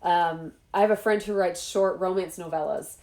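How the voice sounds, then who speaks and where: A woman's voice: lowish voice, normal speed. Woman host, casual at-home chat, bubbly with frequent laughs, echoey room sound. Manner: bubbly, laughs often, animated asides. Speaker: author hosting an interview.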